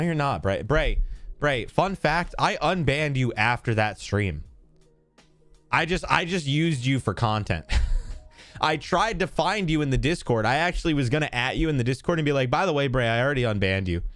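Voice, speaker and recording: A rambling man streaming live, mid-pitched and laughing often between loose, chatty thoughts. His voice is close and dry, with no room sound around it. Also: fairly bright tone, no echo. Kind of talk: casual live-stream chat.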